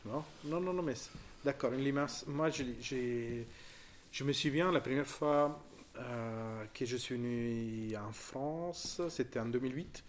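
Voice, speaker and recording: In French with an Italian accent, a man in his forties from southern Italy chats about an exhibition he's visiting. He speaks in an ordinary middle pitch at a relaxed pace, hesitating, restarting often and leaning on fillers while he searches for words. A little hiss or hum is audible.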